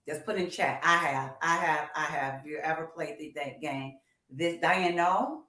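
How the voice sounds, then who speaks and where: Deep, bright, and forceful, her voice comes through at an unhurried pace as she co-hosts a casual music talk livestream. She's a woman in her fifties addressing viewers directly, lively and encouraging. Expect echoey, roomy livestream audio.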